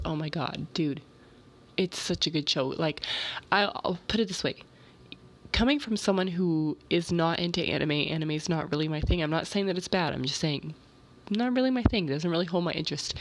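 A woman hosting a casual solo storytelling podcast in an informal, rambling, slangy way, a little sick, with vocal fry in her voice. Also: low-pitched. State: slightly sick. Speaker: podcast host.

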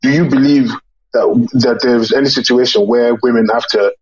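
A man's voice: medium pitch, steady tone, moderate pace, a little mellow, breathy edge. A man posing a question in a casual group discussion, heard through a dull lo-fi recording.

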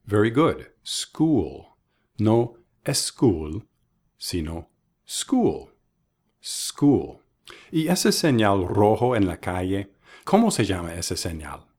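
A man teaching English pronunciation in a bilingual lesson, modeling each word slowly and contrasting wrong and right versions. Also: on the low side, sing-song, darkish tone, slightly rough. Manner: slow, deliberate, models words by contrast. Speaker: language teacher.

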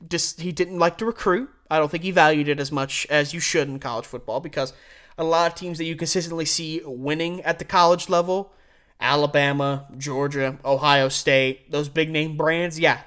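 A man with a fairly high, slightly bright voice hosts a sports show. He's an American sports podcast and radio host giving an opinionated solo commentary, speaking emphatically and conversationally.

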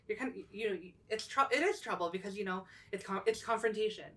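A woman's voice: medium pitch, quick pace, fairly bright tone, far from the mic. A young woman co-hosting a casual podcast, talking thoughtfully with lots of fillers and restarts. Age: young adult. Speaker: podcast co-host.

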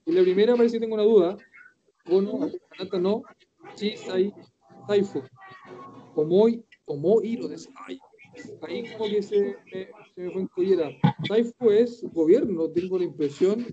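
A Chilean man in his forties teaching Japanese in a casual online class, chatty and slowly drawing out Japanese phrases. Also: high-pitched, warm tone, muffled recording. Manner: chatty, drawn-out Japanese phrases, laughs often.

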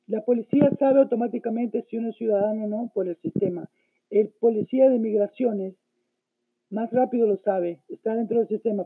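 A man's voice: high-pitched, breathy edge, no echo. A man ranting scornfully in a heated call-in chat. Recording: tinny phone line, dry.

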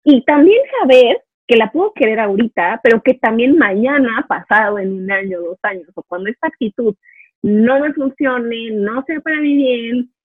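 A woman hosts a conversation, thinking aloud in a reflective way and checking in with short tag questions. Her voice sits fairly high and sounds husky. The sound is tinny like a phone line and dry. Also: lively intonation, normal speed, dry recording. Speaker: podcast host. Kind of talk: casual interview conversation.

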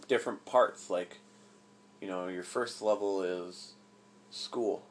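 A man's voice: deep voice, takes it slowly, a little hiss or hum. A man chatting casually with his child as her father, asking playful, probing questions. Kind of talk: casual chat.

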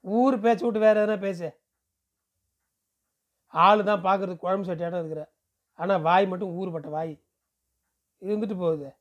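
A man's voice: high voice, fairly even intonation, moderate pace, pauses often, lightly acted. A man reading aloud, voicing a grown village man who leads a drama troupe and questions, coaxes and teases. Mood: coaxing. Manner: questioning, coaxing, teasing.

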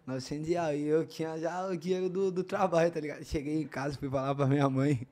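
A man's voice: fairly high pitch, fairly even intonation, quick pace, a little mellow. A young man with a São Paulo Brazilian accent and a tongue-tied, slushy lisp, telling stories casually in heavy street slang. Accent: São Paulo state Brazilian. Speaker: guest, funk MC. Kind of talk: casual podcast storytelling.

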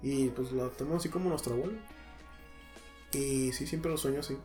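A woman in casual chat, telling stories in a quick, chatty way. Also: very deep voice, dark tone, soft background music.

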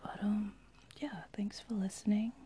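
A woman's voice: medium pitch, level tone, a little slow, mellow, a little hiss or hum. A young woman, talking casually in a whispered ASMR voice, rambling with lots of fillers. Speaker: channel host.

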